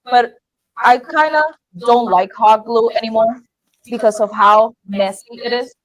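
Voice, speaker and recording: A woman's voice: fairly high pitch, unhurried, rough recording. A woman chatting casually as a prop maker on a panel, explaining things in an informal, rambling way. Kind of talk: casual chat.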